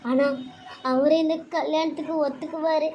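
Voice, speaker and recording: A woman's voice: high voice, level tone, normal speed, darkish tone, a little hiss or hum. A woman voicing a betrayed young wife in a cartoon serial, grieving and bitter. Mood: tearful. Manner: grieving, pleading, then bitter. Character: young wife, betrayed and tearful, turning vengeful. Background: music.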